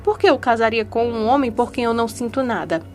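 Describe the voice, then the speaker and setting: A woman's voice: fairly high pitch, quick pace, darkish tone, soft background music, natural voice. A woman reading the lines of a young woman who refuses her arranged marriage, in a bitter, defiant way.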